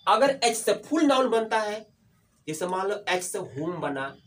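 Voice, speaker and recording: A man's voice: sits high, very animated, unhurried, a bit bright. A male English teacher giving a classroom-style lecture. He asks questions and answers them himself, repeats key points, and calls his students dear. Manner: addresses students fondly as "my dear". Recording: voice from a distance, faint background noise.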